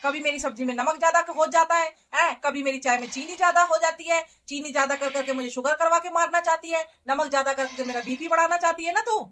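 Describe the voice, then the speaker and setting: A woman's voice: high-pitched, quick pace, few pauses, sharp tone, a little hiss or hum. A woman playing a stingy, bossy older mother-in-law who nags and scolds in a comedy skit. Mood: complaining. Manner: nagging, scolding, ends lines with a taunting question.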